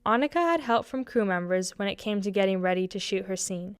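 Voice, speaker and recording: A woman narrating a short documentary and interviewing its subject, reading her script in an even, read-aloud way. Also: mid-range voice, brisk, noisy background.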